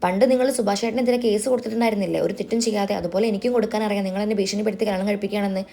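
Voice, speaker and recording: A woman's voice: mid-range voice, steady tone, racing, vocal fry, warm tone. A woman doing a defiant young daughter. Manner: defiant, insistent. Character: defiant young woman, stubborn, refusing arranged marriage.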